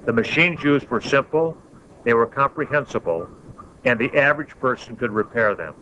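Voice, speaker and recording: Bright-voiced man narrating a dull-sounding promo. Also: medium pitch, normal speed. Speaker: infomercial narrator. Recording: dull lo-fi, faint background noise.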